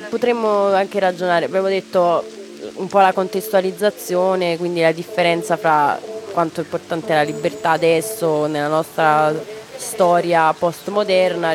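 Woman radio host, low voice, casual chat, halting restarts, soft music behind. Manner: thinks aloud with frequent restarts.

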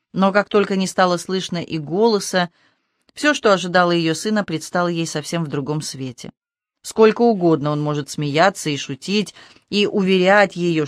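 Audiobook narrator, even, measured, mid pitch, dry close recording. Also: no room sound. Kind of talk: scripted literary narration.

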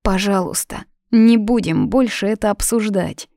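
A woman's voice: medium pitch, a little slow, vocal fry, warm tone, no echo, studio quality, pitched above the performer's own voice. A woman voicing a stubborn, shy young witch who talks in a flustered, defiant way.

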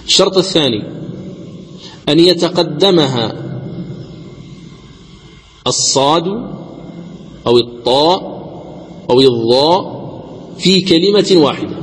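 A man at a mid pitch lectures on the rules of Quran recitation, steady and methodical. He goes over each condition twice and draws the sample words out slowly, half-chanted. His voice rings in a reverberant hall over a faint hum of background noise. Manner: deliberate, repeats each rule, slows to chant examples.

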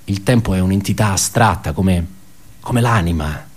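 Brooding and bitter, an embittered, pedantic clerk comes to life through an actor's low, slightly rough voice in a radio theatre monologue. He falters and repeats his words while asking rhetorical questions.

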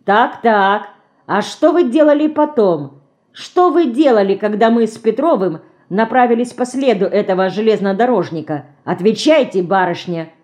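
A woman's voice: medium pitch, lively intonation, moderate pace, a little mellow, voice pushed up, lightly acted. A woman reading the part of a pompous, officious male police detective in an audiobook, formal and bureaucratic, shrieking when frightened. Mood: stern, officious.

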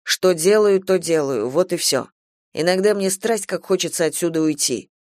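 A man's voice: sits high, moderate pace, no echo, clean studio sound, lightly acted. A man playing a steadfast, devoted farm manager who speaks earnestly and bluntly in a radio play. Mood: blunt reproachful.

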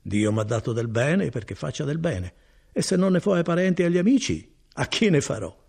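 A man's voice: a little fast, creaky, husky, heavily acted. A man voicing a good-hearted, talkative male cousin and foreman in an audiobook reading. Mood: generous. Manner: chatty and animated, swinging between high and low.

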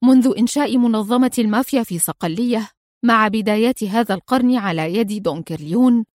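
A woman voicing a calm, stern male crime boss in a read-aloud spy story. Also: on the high side, fast, dry recording, studio quality, lightly acted. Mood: stern grave. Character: grave, commanding older male crime boss.

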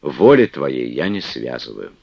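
A man's voice: rumbling low, sing-song, measured pace, vocal fry, husky, no room sound, full character voice. A man reading the part of a stern but loving elderly abbess in solemn, archaic speech. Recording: dull, dry lo-fi recording.

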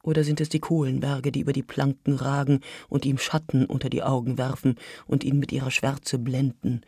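A reader performing a literary story for radio in a measured, dramatic way that often sinks to a hush. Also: mid-range voice, little pitch movement, breathy edge, no room sound, clean studio sound. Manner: measured, dramatic, drops to hushed whispers. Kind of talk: scripted literary reading.

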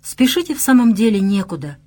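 A wry young ex-officer in an audiobook, calm and joking, as a woman narrator reads him. He speaks in an even, middle voice. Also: medium pitch, brisk. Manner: wry, easygoing.

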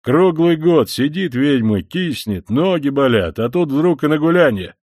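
A man's voice: fairly high pitch, expressive, a little slow, darkish tone, dry recording. Narrator guy doing grumpy impatient man in an audiobook, swearing under his breath, dry sound. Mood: irritated. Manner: gruff, grumbling, swearing. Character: impatient grumbling grown man at a door.

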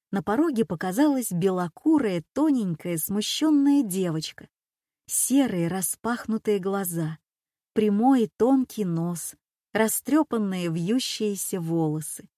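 A woman narrating an audiobook in a calm, measured storytelling manner. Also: medium pitch, no room sound, studio quality.

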